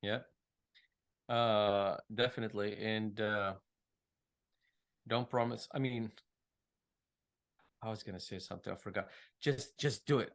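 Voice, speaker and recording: A man's voice: fairly low pitch, fairly even intonation, unhurried, pauses often. A middle-aged man with a Middle Eastern accent, co-hosting a podcast and giving earnest advice in casual chat. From Middle East. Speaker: podcast co-host.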